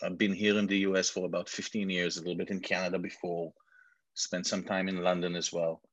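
An Israeli man in his forties, the guest entrepreneur, chats casually in an interview with a low, level, brisk voice and an Israeli accent. He makes self-mocking asides and restarts often, and the lo-fi recording sounds dull and muffled with no echo.

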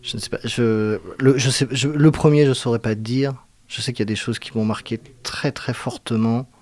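A man's voice: mid-range voice, steady tone, moderate pace, a little mellow. A man from France, an actor, speaking reflectively in a casual interview, often hesitating as he searches for words. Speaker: guest actor.

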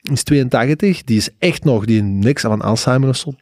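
Mellow Flemish man telling a story. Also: medium pitch, a little fast, dry recording, clean studio sound. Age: 30s. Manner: storytelling, hesitant restarts. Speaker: podcast co-host. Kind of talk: casual chat. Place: studio.

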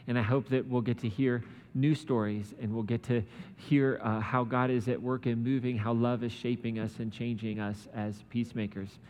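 An American man preaching as a pastor in an informal, conversational way. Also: medium pitch. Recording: thin phone-like sound under loud music.

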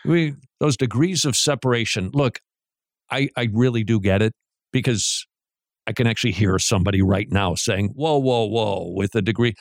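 A man hosting a talk radio show, joking and animated, who often restarts his sentences. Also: lowish voice, normal speed, dry recording, studio quality.

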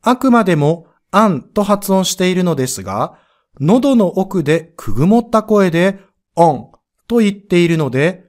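A man's voice: high-pitched, big pitch swings, moderate pace. A man teaching a pronunciation lesson on a podcast, explaining step by step and sounding out letters and vowels to demonstrate them.

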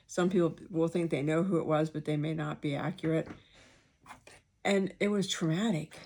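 Woman podcaster with soft R's and S's. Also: deep voice, steady tone, normal speed. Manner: candid, rambling, acts out quoted remarks. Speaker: podcast host. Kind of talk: informal personal monologue.

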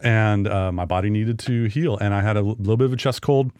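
A man with a baritone voice co-hosting a podcast in casual, joking conversation. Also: a little fast, darkish tone, clean tone, no room sound. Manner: jokey, uses playful similes and movie references. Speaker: podcast co-host. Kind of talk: casual chat.

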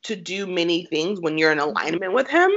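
A woman's voice: lowish voice, lively intonation, brisk. A woman in her twenties from Haiti, native Creole speaker, chatting upbeat as a podcast guest with many fillers. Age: 20s. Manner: warm, upbeat, frequent "um" and "like". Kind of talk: casual interview chat. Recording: slightly lo-fi podcast audio.

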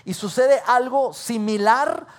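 A Mexican man preaching a sermon in story form, acting out his own dialogue with lively swings in pitch and loudness. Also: slow. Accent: Mexican Spanish. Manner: animated, acts out dialogue with shifting pitch and loudness.

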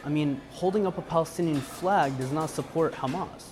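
Young man, from the US, college student, interviewee, earnest, halting, music behind. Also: fairly high pitch. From United States. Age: young adult. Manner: earnest, halting, repeating himself. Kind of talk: news interview answers.

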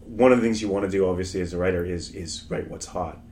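Relaxed low-voiced man, hesitant. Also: fast, slight background noise. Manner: relaxed, hesitant, many yeahs and likes. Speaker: writer, guest. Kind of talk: casual podcast chat.

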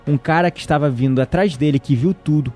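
Animated storytelling man, slightly high. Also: quick pace, soft background music. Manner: animated, acts out quoted voices. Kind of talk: casual storytelling.

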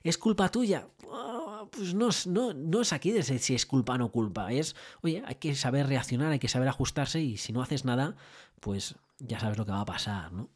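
A man's voice: mid-range voice, moderate pace. A man with a Spain Spanish accent, giving a motivational business talk and coaching listeners through lots of rhetorical questions and tag questions. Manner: animated storytelling with acted-out dialogue.

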